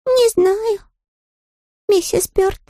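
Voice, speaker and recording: A woman's voice: very high voice, very slow, mellow, dry recording, clean studio sound, voice pushed up, full character voice. A woman reading a storybook aloud and voicing a small, polite, clumsy male bear cub who speaks in a timid, apologetic, plaintive way.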